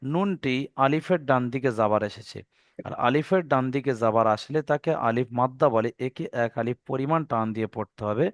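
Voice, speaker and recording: A man teaches an online reading lesson, patiently spelling out letters and vowel marks step by step and stretching the recited words out slowly. His mid-range voice has lively intonation, recorded at studio quality with no room sound.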